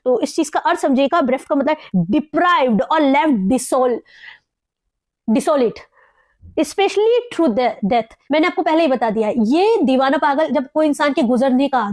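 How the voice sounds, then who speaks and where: A woman with an Indian English accent, teaching English vocabulary in a mix of Hindi and English and slowly repeating each word. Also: high-pitched, darkish tone, no echo, clean studio sound. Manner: explains slowly, repeats words and spells out pronunciation.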